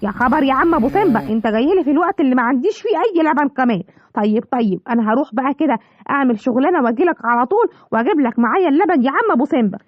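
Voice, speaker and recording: A woman with an Egyptian accent voicing a fussy female cow, excitable and complaining. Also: high-pitched, very fast, no echo. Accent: Egyptian Arabic. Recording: dull lo-fi, clear background noise.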